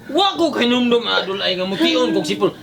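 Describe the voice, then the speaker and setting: A man's voice: high-pitched, animated, fairly quick, vocal fry, a loud crowd. A man in a comedy skit, blustering and indignant as he denies everything. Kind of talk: comedy sketch acting. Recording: loud background noise.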